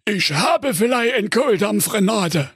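A man's voice: sits high, animated, measured pace, vocal fry, slightly rough, dry recording, clean studio sound, pitched above the performer's own voice, full character voice. A man voicing a greedy, pompous male ogre in a comic fairy tale, with a raised, blustering, bossy voice. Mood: smug. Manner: bossy, blustering, shouting orders.

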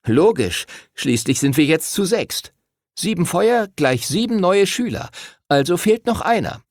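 A nerdy know-it-all schoolboy rattles off facts in a high, clipped voice, as a man puts him on. His tone stays matter-of-fact. The pitch jumps about with a gravelly rasp. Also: big pitch swings, measured pace, no room sound, studio quality, heavily acted. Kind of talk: audiobook character voice.

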